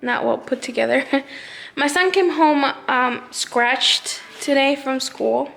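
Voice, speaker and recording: A mother talking in a personal vlog, holding back tears, halting and frustrated, with many restarts. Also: sits high, creaky, fairly bright tone. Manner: halting, hesitant, full of restarts; frustrated and upset. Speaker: mother vlogger.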